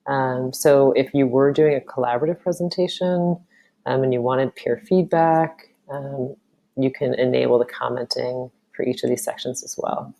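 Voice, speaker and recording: A woman teacher walking through a software tutorial, talking casually and thinking aloud with frequent ums. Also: rumbling low, moderate pace, creaky. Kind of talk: screen-recorded software tutorial.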